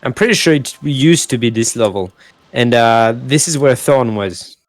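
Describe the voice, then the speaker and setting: A man's voice: mid-range voice, animated, normal speed, no room sound. A man chatting casually about a game in an easygoing, hesitant way. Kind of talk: casual let's play chat. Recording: faint music underneath.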